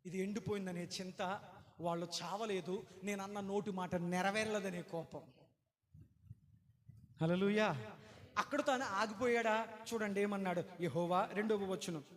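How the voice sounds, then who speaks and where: A man preaching a sermon, animated, acting out quoted voices and putting questions to the congregation. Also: high voice, measured pace, pauses often. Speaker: pastor. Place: church hall. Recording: reverberant church hall.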